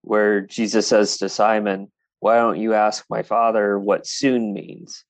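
A man's voice: lowish voice, level tone, a little slow, no room sound. A man on a podcast panel who thinks aloud, reaching for words as he goes. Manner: thoughtful, searches for words with "like" and "in terms of". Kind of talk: casual roundtable discussion.

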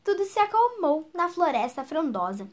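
A woman reading a children's story aloud in a gentle, sing-song storyteller manner. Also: extremely high pitch, very animated, moderate pace.

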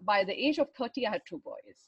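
A middle-aged woman with a refined, educated Indian accent shares personal history in conversation. She is reflective and halting, often searching for the next word. The sound is dry and a little muffled, with a medium-pitched voice. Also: big pitch swings, breathy edge, dry recording. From Bihar, India. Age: 40s or older. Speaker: interview guest, runner and fitness trainer. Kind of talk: personal life story in conversation.

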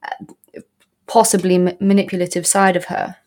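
A woman's voice: lowish voice, monotone, normal speed, a little mellow. A woman co-hosting a casual podcast, chatty and full of fillers, her voice a little worn. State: losing her voice a bit. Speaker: podcast co-host.

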